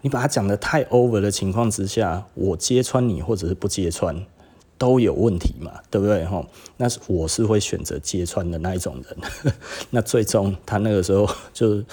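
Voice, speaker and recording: A man's voice: low-pitched, breathy edge. A man with a Taiwanese Mandarin accent, hosting a podcast and telling a story casually, often laughing and acting out the dialogue. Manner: animated, laughs often, acts out quoted dialogue. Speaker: podcast host.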